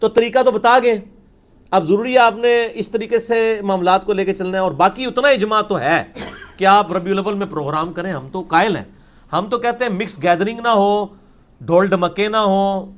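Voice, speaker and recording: A man's voice: sits high, dull audio. A man answering religious questions in an emphatic, explanatory lecture style, with many English terms.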